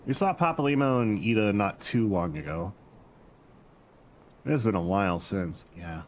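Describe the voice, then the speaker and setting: A man's voice: on the low side, normal speed, a little hiss or hum. A man streaming a game, chatting casually and correcting himself as he rambles. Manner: rambling, self-deprecating, corrects himself mid-sentence.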